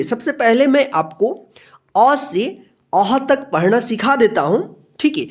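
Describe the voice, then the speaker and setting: A woman with a voice on the high side teaches a beginner alphabet lesson, patient and repetitive. She draws out each letter sound and checks in with her students again and again.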